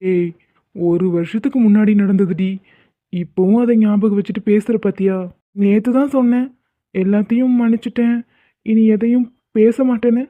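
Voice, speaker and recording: A woman voicing an exasperated young husband in an animated comedy, teasing and pleading with his wife. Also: medium pitch, moderate pace, long pauses, no echo, lightly acted. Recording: tinny phone-like sound.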